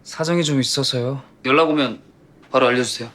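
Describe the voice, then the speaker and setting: A man's voice: mid-range voice, a little fast, a bit bright, close to an everyday voice. An actor playing a composed young male publishing boss in a TV drama, clipped, polite and matter-of-fact. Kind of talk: Korean TV drama acting.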